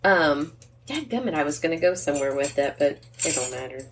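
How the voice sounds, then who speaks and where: A woman's voice: deep voice, animated, brisk, noisy background. A woman co-hosting a podcast in casual, rambling chat, reading a wine label aloud. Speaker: podcast co-host.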